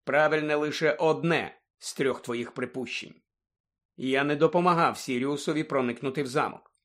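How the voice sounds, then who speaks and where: A man voicing a calm, weary adult male teacher who speaks quietly and with restraint in an audiobook. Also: on the high side, normal speed, close to an everyday voice. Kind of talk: audiobook character voice.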